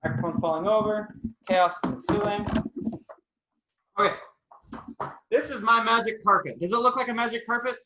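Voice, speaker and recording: This recording is muffled and very noisy, with a roomy echo from the indoor space where a playful science presenter chats with kids on a live online video call. The presenter speaks in a mid-range voice at normal speed, leaving long pauses.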